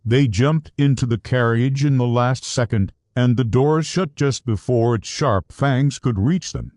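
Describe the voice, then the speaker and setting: A man narrating a scripted children's adventure story in an animated storybook manner. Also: mid-range voice, unhurried, no room sound, studio quality.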